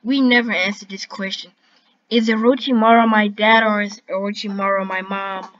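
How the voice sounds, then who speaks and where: A woman's voice: mid-range voice, fairly even intonation, normal speed, a bit bright. A woman hosting a reaction video with casual commentary. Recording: dull lo-fi audio with background noise.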